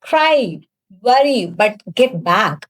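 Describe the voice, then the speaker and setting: A woman's voice: fairly high pitch, sing-song, drawn-out words. A woman from South India, a native Tamil speaker with a thick South Indian accent, answering interview questions in an earnest, emphatic way. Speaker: interview guest, cosmetics business founder.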